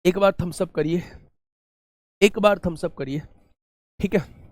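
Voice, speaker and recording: A man's voice: high voice, unhurried, a little mellow, no room sound, clean studio sound. A man teaching an online exam-prep maths lesson, explaining step by step and asking his students rhetorical questions.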